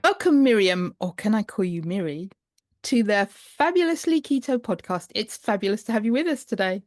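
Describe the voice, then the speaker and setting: A woman's voice: medium pitch, expressive, moderate pace, a little mellow, faint music behind. A woman hosting a podcast interview, introducing and questioning her guest and often rephrasing as she goes. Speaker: podcast host.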